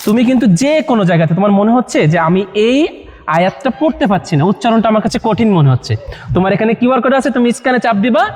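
A Bangladeshi man promotes a Quran edition to a live group of young men, coaxing them with questions. He talks fast and animatedly in a high-pitched voice with a darkish tone, and the sound suggests a big room.

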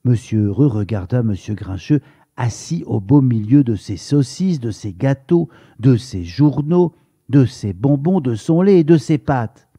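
Slow husky-voiced man reading to children. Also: mid-range voice, no echo, clean studio sound. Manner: lively, asks the listener questions. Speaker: storyteller.

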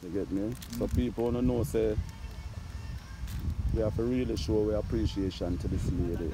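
A man's voice: lowish voice, steady tone, moderate pace. A man with a Jamaican accent hosting a casual outdoor interview and talking straight to his viewers. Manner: chatty, asks questions and addresses viewers directly. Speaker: host of a community channel. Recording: loud outdoor noise.

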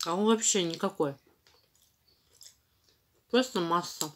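A woman vlogger chewing chalk as she talks, slowly describing its taste and texture in detail. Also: lowish voice. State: chewing chalk while talking. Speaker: mukbang vlogger. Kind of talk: casual tasting commentary. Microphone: phone.

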